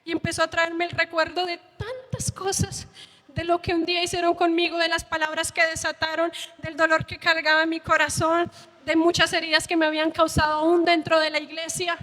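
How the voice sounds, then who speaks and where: A woman preaches her own story in a very high, fairly even voice, heartfelt and close to tears. Her words ring out with the long reverb of a church hall. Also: fairly quick. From Colombia. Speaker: preacher giving testimony. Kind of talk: emotional sermon testimony.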